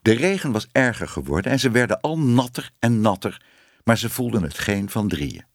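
A man reading a children's storybook aloud, expressive and varied. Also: lowish voice, normal speed, no room sound, clean studio sound. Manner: expressive reading with many voiced figures. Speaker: audiobook narrator. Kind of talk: scripted storybook narration.

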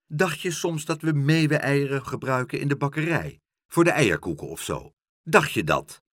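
A man's voice: a little high, sing-song, moderate pace, dry recording, clean studio sound, pitched above the performer's own voice. A man voicing a stern, bossy village baker's wife, curt and scolding, in a read-aloud children's story.

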